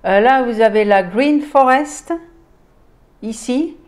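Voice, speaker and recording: A beauty vlogger with a slow, slightly mellow voice on the high side shows makeup palettes on her channel. Her product haul chat is casual and hesitant, full of fillers, and she's enthusiastic about the colors.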